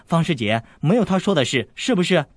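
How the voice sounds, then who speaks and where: A man's voice: on the high side, lively intonation, fairly quick, dry recording, pitched above the performer's own voice. A man voicing a naive, innocent young noble girl who speaks earnestly, in a raised voice.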